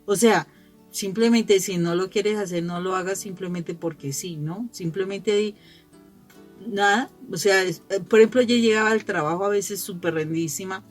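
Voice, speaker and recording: A woman's voice: medium pitch, normal speed, faint music behind. A middle-aged woman gives a conversational gospel reflection for families. She tells personal stories, laughs often and restarts her phrases as she goes. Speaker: lay speaker giving a family gospel reflection.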